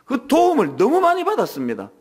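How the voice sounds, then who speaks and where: A man's voice: very high voice, huge pitch swings, fast talker, breathy edge. A man in his sixties, the senior pastor, preaching a Sunday sermon in a church, telling personal stories with humor and asking the congregation frequent rhetorical questions. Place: church sanctuary.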